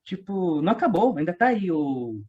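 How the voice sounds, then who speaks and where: A Brazilian man with a high, husky voice chats casually at a moderate pace as an interview guest, and the recording sounds muffled. He writes audio dramas and works in voice dubbing, and he tells his stories with animation in slangy speech, acting out what people said.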